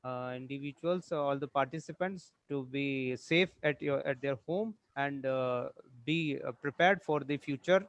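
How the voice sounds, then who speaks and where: A man with an Indian English accent hosting a webinar, speaking haltingly with many fillers. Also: mid-range voice, dry recording. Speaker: webinar moderator. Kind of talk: hesitant formal webinar hosting. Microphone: video call. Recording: dull lo-fi video call audio.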